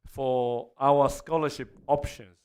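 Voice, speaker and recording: A male university representative gives a spoken answer at a panel. His pitch is average, and he explains point by point with frequent tags to check understanding. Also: steady tone, takes it slowly, a little mellow, clean tone. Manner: explanatory, punctuated with frequent "okay".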